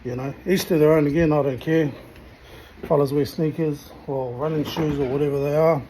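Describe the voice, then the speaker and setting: A man's voice: on the high side, steady tone, moderate pace, mellow, a little hiss or hum, low-quality recording. A man giving a casual, blunt rant to camera in sweary slang. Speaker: motorcycle vlogger.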